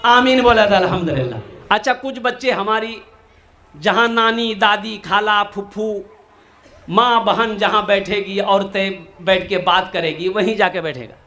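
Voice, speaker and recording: A man's voice: high-pitched, sharp tone. A man preaching a humorous sermon in an eastern Hindi dialect, acting out characters and now and then singing verses. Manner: sings verses slowly, acts out characters in dialect.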